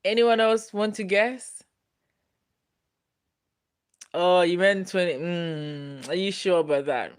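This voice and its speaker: A livestream host from Ghana, a woman in her 20s, keeps her casual stream playful, teasing viewers as she reads their comments and laughing often. Her voice is on the low side and unhurried.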